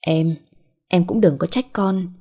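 Lady doing a worried dad smoothing things over, breathy. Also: on the low side, fairly even intonation, takes it slowly, mellow. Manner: soothing, pleading. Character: middle-aged father, worried and placating.

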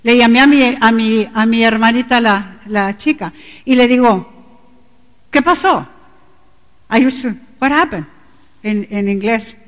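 Middle-aged woman preacher, impassioned and high-pitched, with a long hall echo. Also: measured pace, pauses often. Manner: impassioned, rising to cries at times. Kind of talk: bilingual sermon. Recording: long reverb in a large hall.

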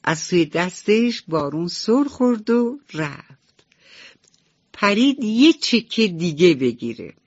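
A woman's voice: on the low side, very animated, a little mellow, dry recording. A woman storyteller reading a radio bedtime story to children, sing-song and tender. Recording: slightly dull radio recording.

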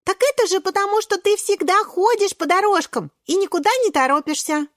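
A woman doing an excitable little spinach boy. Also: fairly quick, dry recording, studio quality. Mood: eager, insistent. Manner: breathless, eager, very high and bouncy.

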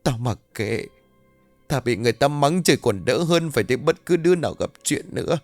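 A man's voice: mid-range voice, animated, fairly quick, no echo, soft background music, voice pushed up. A man voicing a fierce, bossy middle-aged village mother who scolds her children in a harsh, urgent way. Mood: angry.

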